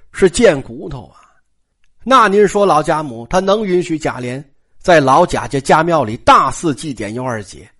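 A storyteller, telling a classic tale in colloquial style with asides to the listeners. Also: medium pitch. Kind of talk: traditional oral storytelling.

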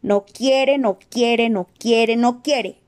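A woman voicing a hoarse, stubborn male house-elf in an audiobook, repeating his refusals slowly in a booming voice. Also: darkish tone. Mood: stubborn protest. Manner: chanting refusals slowly and repetitively. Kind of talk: audiobook character voice.

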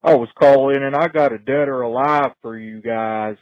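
A man leaving a joking voicemail message in a slow, folksy, teasing drawl, played back from a recording. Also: mid-range voice, fairly even intonation, no room sound, highs cut off.

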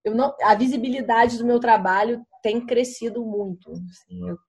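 A woman guest on a podcast, telling stories in an animated, chatty way and swearing now and then. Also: a little high, moderate pace, vocal fry. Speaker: podcast guest, content creator. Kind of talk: casual chat.

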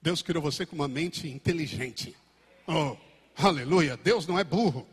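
Animated Brazilian pastor preaching. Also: male voice, a little high, normal speed, breathy edge. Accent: Brazilian Portuguese. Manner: animated, swings between shouting and quiet asides. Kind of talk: sermon. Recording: echoey church hall.

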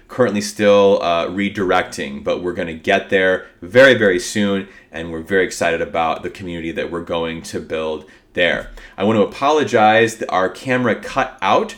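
A man with a fairly low voice hosts a solo podcast. He talks informally and with upbeat energy, as if chatting straight to his listeners. His voice carries the sound of a cold. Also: normal speed, hardly any pauses, a bit bright. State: sick with a cold, voice affected. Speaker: podcast host. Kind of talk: casual solo podcast talk.

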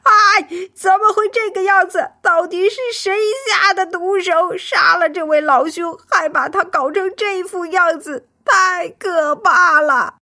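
A woman voicing a timid young male golden beetle in a children's audio story, with fearful, excitable cries. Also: fairly high pitch, a little slow, few pauses, husky, heavily acted. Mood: terrified.

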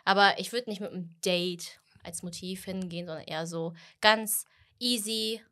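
A woman in her thirties, a guest in a casual podcast conversation, talking in a lively way and acting out quoted lines. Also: lowish voice. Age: 30s. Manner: fast, animated, acts out quoted lines.

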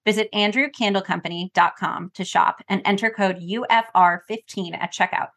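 A woman's voice: mid-range voice, steady tone, normal speed, fairly bright tone. Woman co-host, playful, laughs easily, everyday mid voice. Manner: laughs often, playful and teasing. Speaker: podcast co-host. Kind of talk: casual chat and read ad.

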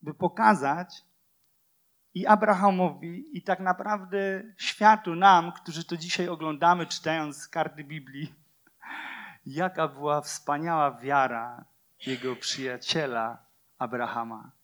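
High-voiced man preaching with passion. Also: fairly even intonation, unhurried. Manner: impassioned, swinging from loud declarations to hushed near-whispers; rhetorical questions and repeated phrases. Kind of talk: sermon.

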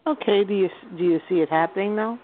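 A woman phones in to a radio show. Her voice comes through a thin, tinny phone line. She sits at a middle pitch and answers in short, hesitant bits. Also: fast, dry recording. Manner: brief, hesitant replies. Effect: over the phone. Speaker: caller. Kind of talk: call-in radio chat.

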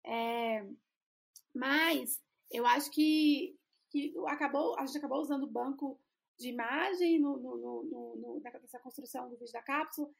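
A woman's voice: high voice, a little slow, creaky. A Brazilian woman co-hosting a podcast, chatting casually about branding and often restarting phrases as she searches for the right words. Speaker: podcast co-host, brand designer.

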